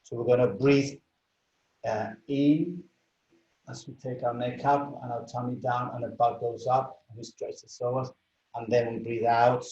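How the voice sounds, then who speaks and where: A yoga instructor with a mid-range, dark-toned voice leads a guided class. The recording sounds echoey and muffled, as if captured in a reverberant room with dull sound.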